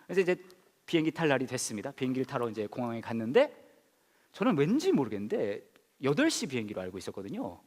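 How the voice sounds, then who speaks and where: A man preaching a sermon in an animated, comic storytelling way, full of fillers. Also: medium pitch, quick pace, in a large hall. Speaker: pastor.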